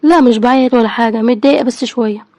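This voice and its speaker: امرأة تؤدي صوت أم أرملة قلقة بلهجة مصرية. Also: female voice, fairly high pitch, rapid-fire, dark tone, no room sound, close to an everyday voice. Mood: worried. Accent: Egyptian Arabic. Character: poor widowed young mother, worried and tender.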